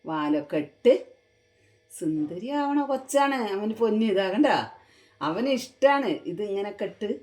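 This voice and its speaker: A woman's voice: mid-range voice, expressive, measured pace, a little mellow, faint music behind. A woman vlogger talking to her pet in coaxing, doting, sing-song baby talk.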